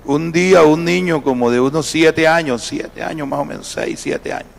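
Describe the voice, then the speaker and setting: A man's voice: fairly high pitch, normal speed, creaky. A man preaching a sermon as pastor, telling a story and acting out the people in it. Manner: storytelling, acting out quoted voices. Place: church.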